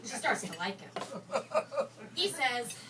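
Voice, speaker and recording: A woman's voice: fairly high pitch, takes it slowly, full character voice. A woman playing a sardonic young woman from a distance. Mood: wry. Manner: wry, deadpan storytelling with a bitter edge. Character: sardonic young woman, jaded about romance. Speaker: stage actor performing a monologue. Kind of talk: theatrical monologue. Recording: distant mic, noisy background.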